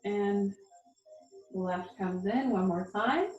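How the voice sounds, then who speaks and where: A woman's voice: medium pitch, slow pace, a little mellow, dull audio. A woman leading a tai chi class, giving spoken movement cues in an encouraging, reassuring and informal way. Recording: roomy echo, music behind.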